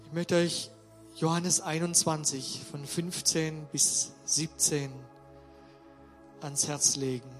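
Man, preacher, sermon, slow deliberate pace, emphatic stresses and quiet asides. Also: a little high, fairly even intonation, faint music behind. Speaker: pastor.

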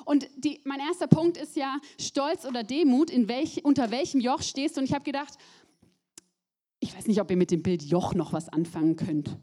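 Young woman, sermon, fairly high mellow voice, lively, talks straight to the crowd, drops to whispers. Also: normal speed. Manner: animated, addresses the audience directly, drops to whispers for emphasis. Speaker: preacher.

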